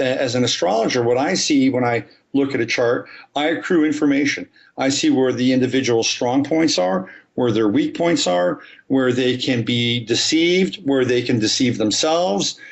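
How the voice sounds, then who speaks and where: A male astrologer on a podcast methodically breaks down his topic, going through examples step by step. His mid-range voice is gravelly, and the recording has its highs cut off.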